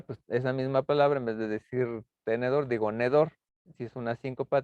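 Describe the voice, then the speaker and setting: A man lecturing a class on rhetorical figures, halting often with fillers and tag questions. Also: medium pitch, gravelly, no echo. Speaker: university lecturer. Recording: tinny phone-like online class audio.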